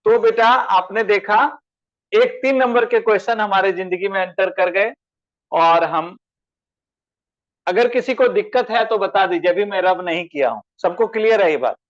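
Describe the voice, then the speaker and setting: In this lo-fi recording, a high-pitched male chemistry teacher lectures an online class at a moderate pace. Calling students "beta" and by their names, he quizzes them with questions.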